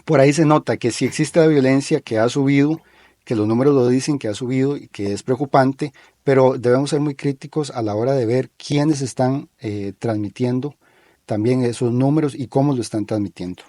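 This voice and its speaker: A man with a Costa Rican accent hosting a talk show, giving critical opinions in an analytical way and pausing often with fillers. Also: mid-range voice, warm tone, dry recording. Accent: Costa Rican Spanish. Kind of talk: critical discussion.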